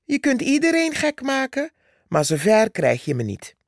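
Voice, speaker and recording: A woman voicing a tiny, bold female red ant who stays calm and unimpressed, in a storybook reading. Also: sits high, moderate pace, no echo, studio quality, pitched above the performer's own voice, heavily acted. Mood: cheeky.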